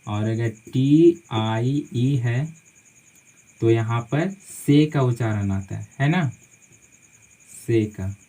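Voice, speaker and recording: A man's voice: mid-range voice, extremely slow, pauses often, dark tone, rough recording. A man teaching English spelling rules in a classroom-style lesson, spelling words out letter by letter and repeating each phrase with a "theek hai" check after most points.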